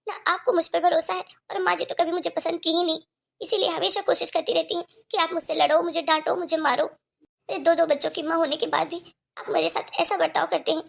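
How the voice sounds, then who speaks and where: A woman's voice: extremely high pitch, little pitch movement, fairly quick, gravelly, heavily acted. A woman voicing a patient, hurt young wife. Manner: pleading, earnest explaining.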